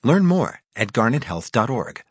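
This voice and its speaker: Husky, lively American male announcer. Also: mid-range voice, normal speed, dry recording, studio quality. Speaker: station announcer. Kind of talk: scripted sponsor announcement.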